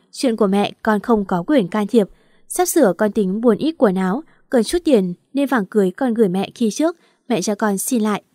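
A woman's voice: mid-range voice, warm tone, no room sound, studio quality. Indignant woman narrating a story. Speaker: audiobook narrator. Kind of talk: first-person audio story narration.

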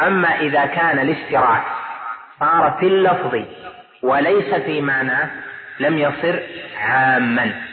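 A man teaching as a sheikh, explaining a classical text step by step, repeating key terms and checking that his students follow. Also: fairly high pitch. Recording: echoey lecture hall, tinny lo-fi audio, audience present.

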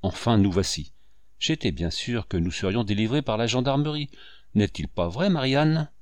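A man reading aloud, voicing an excitable, gullible middle-aged English mother who gushes breathlessly. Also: mid-range voice, moderate pace, no echo, close to an everyday voice. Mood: gushing.

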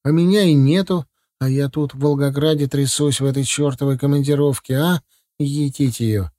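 Мужчина-чтец озвучивает молодого эмоционального милиционера, говорящего торопливо и горячо. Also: male voice, mid-range voice, fairly even intonation, warm tone, no room sound, clean studio sound, lightly acted. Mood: excited. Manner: quick, effusive, emotional. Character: young excitable male policeman, warm-hearted.

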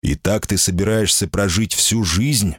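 A man's voice: fairly low pitch, a little slow, husky, no echo, clean studio sound. A man voicing a proud, impatient male jinni in human form, curt in his speech, in an audiobook reading.

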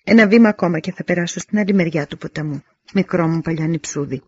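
A man voicing an old dying warrior who speaks slowly and with labored effort, his husky voice on a dull lo-fi recording. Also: on the high side, no echo. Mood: faint, resigned. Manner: slow, labored speech. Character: old dying male warrior, gentle, faithful. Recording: dull lo-fi audio.

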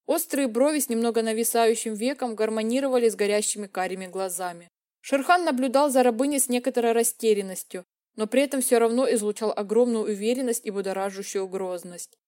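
Warm-toned woman narrating a romance. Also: fairly high pitch, fast talker. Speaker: audiobook narrator.

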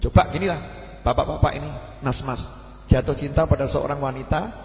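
High-voiced Javanese preacher in an echoey hall. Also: male voice, fairly quick, faint music behind. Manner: animated, acts out quotes, asks the audience questions. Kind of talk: sermon. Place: mosque hall.

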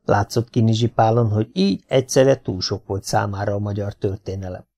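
Gravelly, mellow male audiobook narrator. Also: lowish voice. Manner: lively, wry storytelling. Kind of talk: storybook narration.

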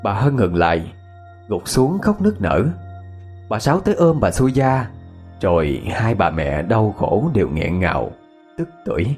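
A low-voiced man narrates a ghost story, dramatic and lively in pitch. Soft music plays faintly underneath. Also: normal speed. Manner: expressive, dramatic.

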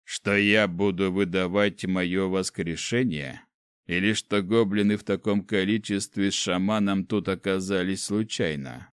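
A man playing a cold, scornful ancient dark mage who speaks slowly and mockingly in an audiobook. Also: sits low, clear, resonant tone, no room sound, clean studio sound. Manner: slow, mocking, detached. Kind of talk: audiobook character voice.

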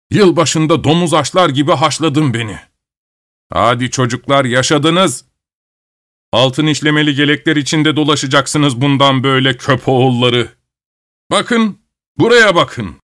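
A man voicing a grumbling old grandfather in a storybook tale, speaking low and muttering. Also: unhurried, a bit bright, lightly acted.

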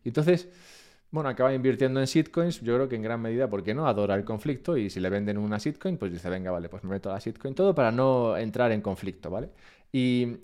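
A man's voice: mid-range voice, brisk, smooth. A man from Spain with a Spain Spanish accent, chatting casually and rambling to his live-stream chat from home. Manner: relaxed, rambling, self-mocking.

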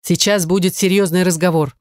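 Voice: mid-range voice, steady tone, brisk, no echo, lightly acted. Narrator doing a hot-tempered young man, growling, commanding, dry close sound, audiobook dialogue. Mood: angry.

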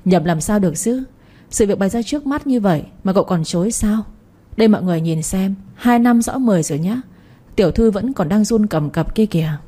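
A man's voice: high-pitched, animated, a little fast, dark tone. A woman voicing a male household servant who scolds and gloats while accusing in a storybook reading.

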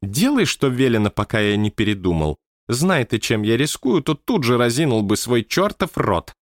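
A man's voice: medium pitch, big pitch swings, moderate pace, dry recording, studio quality, pitched above the performer's own voice, close to an everyday voice. A man voicing a haughty, imperious otherworldly male boss who gives commands. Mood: impatient. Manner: haughty, impatient, theatrical.

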